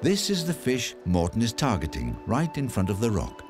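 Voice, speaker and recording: Lively low-voiced male documentary narrator. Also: moderate pace, music in the background. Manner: calm, explanatory.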